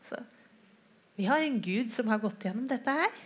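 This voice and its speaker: A woman's voice: a little high, animated, breathy edge. A woman preacher retelling a scripture story in a sermon, with asides to the listeners and quoted lines acted out in a raised voice.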